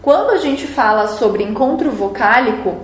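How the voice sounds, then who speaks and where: A woman's voice: a little high, animated, moderate pace, roomy sound. A woman from Brazil teaching a remote class, patiently explaining each exercise step by step.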